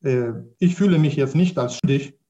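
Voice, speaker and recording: Halting man with a Russian accent. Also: mid-range voice, dark tone, dull audio. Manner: halting, searching for words with repeated starts. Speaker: academic panelist. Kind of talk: spontaneous panel discussion.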